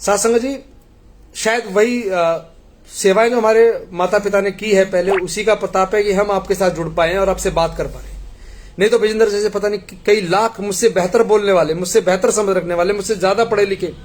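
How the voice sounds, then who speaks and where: A man's voice: sits high, fairly even intonation, brisk. A middle-aged man from India earnestly pleading with a congregation, telling parables in a devotional appeal.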